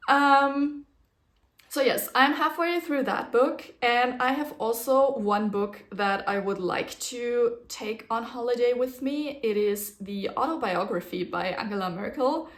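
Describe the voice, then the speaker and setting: Speaking at a measured pace in a slightly high voice, the solo podcast host drifts casually from topic to topic with fillers and small laughs. She's a young woman from a German-speaking region who grew up with a German dialect and carries a German accent.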